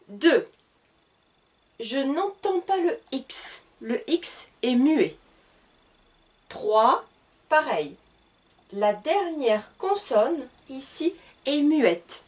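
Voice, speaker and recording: A woman teaching a beginners' lesson at a whiteboard, articulating each word slowly and deliberately. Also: high voice. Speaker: French teacher. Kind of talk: slow classroom lesson at a whiteboard.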